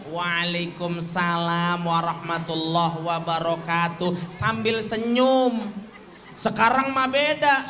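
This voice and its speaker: Brief: male preacher, high and bright, unhurried, teasing the crowd, melodic chanting. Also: a little hiss or hum. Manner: playful, joking with the audience; chanting Arabic phrases in a drawn-out melodic way. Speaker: Islamic preacher. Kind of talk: sermon.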